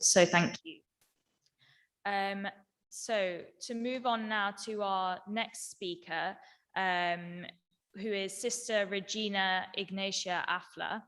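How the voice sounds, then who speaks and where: A woman moderating a webinar over a video call, speaking gently, often with "um", as she thanks and introduces speakers. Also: mid-range voice. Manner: warm thanks, gentle, with many ums. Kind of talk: hosting a webinar. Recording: echoey video call with long reverb.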